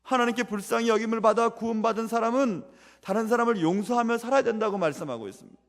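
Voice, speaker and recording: Man, pastor, church sermon, high voice, earnest repeating cadence, long hall echo. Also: fast talker. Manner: earnest, repetitive preaching cadence. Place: church sanctuary.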